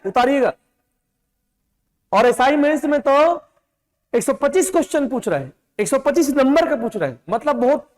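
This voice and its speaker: A man's voice: very high voice, in a large hall, poor audio. A male teacher giving an exam-prep lecture, drilling spellings and checking that students follow along. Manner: drills spellings, calls students beta, repeats "clear hai?".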